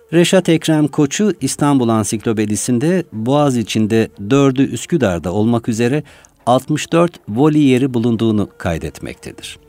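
A man narrating a literary, memoir-style text in a measured, unhurried way. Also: mid-range voice, dark tone. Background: faint music.

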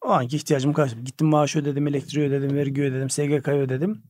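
Mellow-voiced man asking pointed questions. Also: mid-range voice, little pitch movement, very fast, dry recording, clean studio sound. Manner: probing, pushes back with pointed questions. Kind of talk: analytical discussion.

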